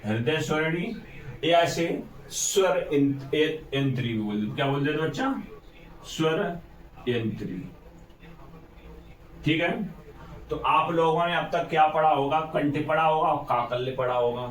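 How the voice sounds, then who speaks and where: A man's voice: on the high side, measured pace, long pauses. A male teacher giving an exam-prep lesson, asking his students questions and then answering them himself. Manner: call-and-response questioning. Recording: echoey room, far from mic.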